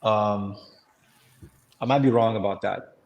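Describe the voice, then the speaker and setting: A man's voice: fairly low pitch, takes it slowly, gravelly, darkish tone, lo-fi sound. Chatty man on a casual call. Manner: rambling, restarts, many fillers. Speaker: webinar host. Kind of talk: casual chat.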